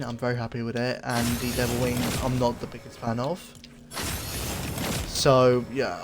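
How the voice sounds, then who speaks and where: A man hosting a casual review of game cosmetics. He talks in an easygoing, repetitive way and often corrects his own slips. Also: mid-range voice. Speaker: gaming channel host.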